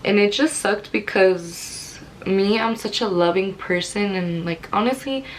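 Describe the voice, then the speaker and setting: A woman's voice: mid-range voice, a little slow, slight background noise, low-quality recording. Candid young woman telling a story. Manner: candid, rambling, many "like" fillers. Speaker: vlogger. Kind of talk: personal storytelling to camera.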